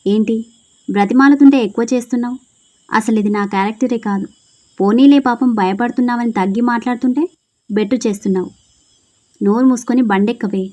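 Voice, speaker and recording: Lady doing a bossy young rowdy dude, gruff and teasing, kinda high but warm. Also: fairly quick, pauses often, lightly acted. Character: brash young male rowdy, bossy and threatening.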